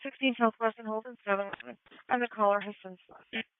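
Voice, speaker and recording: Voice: mid-range voice, steady tone, quick pace, clean tone, dry recording. A person speaking in clipped, procedural phrases over a police radio transmission. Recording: tinny narrowband two-way radio.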